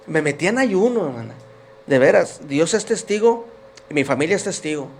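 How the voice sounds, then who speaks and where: A man's voice: a little high, expressive, moderate pace, a little mellow, a little hiss or hum. A man giving his personal faith testimony as a podcast guest, telling his story in an earnest, emotional way.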